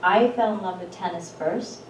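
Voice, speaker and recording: A middle-aged woman giving a personal memorial speech about her father, with gentle humor. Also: medium pitch, moderate pace. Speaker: eulogy speaker, daughter of the deceased. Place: event hall. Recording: echoey hall from far off, noisy.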